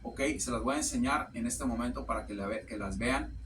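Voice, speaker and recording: A man reads tarot cards to his viewers in a bright, sharp voice, stopping and restarting as he hunts for words. He closes nearly every phrase with "ok". He sits a bit back from the mic, with a faint noise behind him. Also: medium pitch, a little fast, far from the mic. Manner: repeats words while searching for the next. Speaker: tarot reader. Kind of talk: casual tarot reading to camera.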